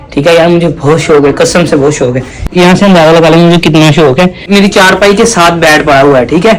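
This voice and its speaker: High-voiced young male vlogger. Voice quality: chatty, keeps asking "okay?". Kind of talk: casual vlog chat.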